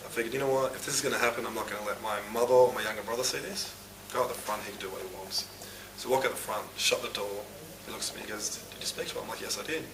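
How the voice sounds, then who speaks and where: Aussie guy talking real fast, acts out the back and forth, echoey room, mic kinda far, noisy. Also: fairly low pitch. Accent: Australian. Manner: animated, acts out dialogue. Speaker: interviewee. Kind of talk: personal storytelling. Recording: roomy, distant mic, noisy background.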